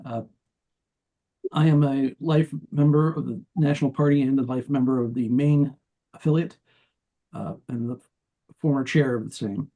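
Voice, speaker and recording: Man, public comment, gravelly, husky, measured with restarts. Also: mid-range voice, steady tone, phone-quality sound. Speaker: public commenter, former state party chair. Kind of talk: public comment at a video-call party meeting.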